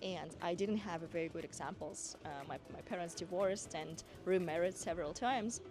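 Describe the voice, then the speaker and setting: With a lowish voice at normal speed, a woman from Kazakhstan encourages her viewers in an earnest motivational talk to camera, making minor non-native grammar errors. She runs a dance school and coaches women, and background music accompanies her.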